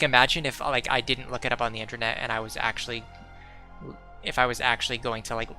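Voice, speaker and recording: Hiccuping as he goes, a young game streamer with a bright, forceful, mid-pitched voice rambles through casual commentary. He leans heavily on "like," restarts often, and corrects himself, while faint background music plays.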